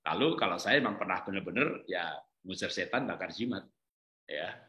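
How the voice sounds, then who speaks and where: A man's voice: low voice, expressive, moderate pace, sharp tone, echoey room, muffled recording. A man who is a pastor, answering questions in a church webinar in a casual, conversational way and acting out anecdotes with chuckles.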